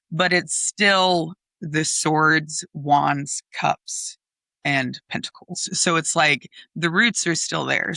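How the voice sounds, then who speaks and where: A woman co-host talking in a relaxed, unhurried way, explaining patiently with fillers. Her voice is lowish and gravelly with a bright edge. She speaks slowly and casually. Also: no room sound. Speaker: podcast co-host. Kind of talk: casual chat.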